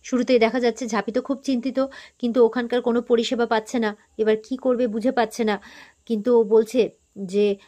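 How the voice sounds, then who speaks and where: A woman's voice: a little high, level tone, a little fast, dark tone. Chatty woman recapping a serial. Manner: chatty retelling with fillers. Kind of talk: casual episode recap narration.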